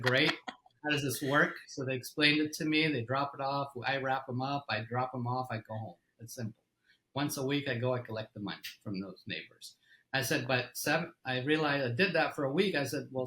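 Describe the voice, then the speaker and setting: A middle-aged man from Egypt, a company CEO, telling his story as an interview guest in a relaxed way, with fillers and restarts. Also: medium pitch, fairly quick, poor audio.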